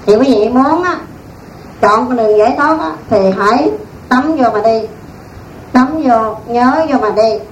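A woman's voice: fairly high pitch, unhurried, pauses often. A woman, a Buddhist nun giving a dharma talk in a folksy, storytelling way. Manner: folksy, animated storytelling with laughs. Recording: echoey room, distant mic, faint noise.

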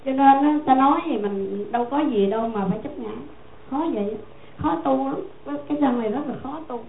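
A Buddhist nun tells a teaching story in a folksy, conversational, repetitive way. Her voice is high. The sound is narrow and phone-like, with a roomy echo and a faint hum underneath. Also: a little fast. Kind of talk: dharma talk storytelling. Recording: echoey tinny phone-like sound.

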